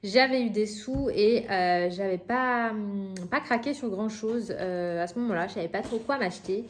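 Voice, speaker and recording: A woman's voice: medium pitch, normal speed. A woman in her thirties chatting casually at home in a hobby vlog, with many fillers and restarts. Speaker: coloring vlogger. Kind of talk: casual chat.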